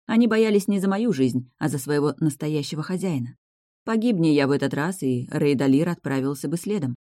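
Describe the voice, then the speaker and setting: Audiobook narrator, mellow even voice, dry close sound, first-person fantasy reading. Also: medium pitch, a little fast, no room sound.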